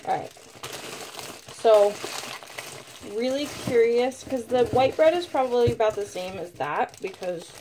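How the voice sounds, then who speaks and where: Mellow-voiced woman chatting through a review. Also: on the high side, measured pace, long pauses, a little hiss or hum. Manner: chatty, rambling, many fillers; talks while eating. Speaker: vlogger reviewing food. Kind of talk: casual product review vlog.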